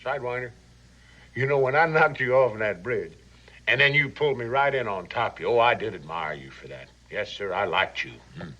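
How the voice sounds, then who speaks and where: An actor playing a wily, boisterous river pirate captain in a western, with a folksy slow Southern American drawl and theatrical delivery. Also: male voice, mid-range voice, lively intonation, sharp tone, dull audio. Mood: fond, coaxing. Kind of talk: scripted western screen acting.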